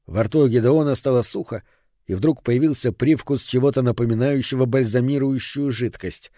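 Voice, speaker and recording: A man narrating an audiobook in an even, measured reading voice. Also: medium pitch, no room sound, studio quality. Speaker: audiobook reader.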